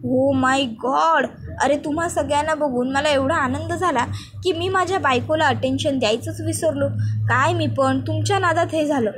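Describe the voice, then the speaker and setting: Playful apologetic husband, voiced by a female narrator; pleading, teasing, high. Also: normal speed, a little hiss or hum, close to an everyday voice.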